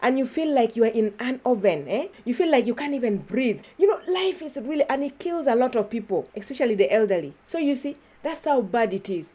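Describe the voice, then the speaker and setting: A woman's voice: on the high side, lively intonation, fairly quick, hardly any pauses, warm tone. A woman from Uganda, talking casually to her viewers in a vlog, chatty and often laughing. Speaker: YouTuber.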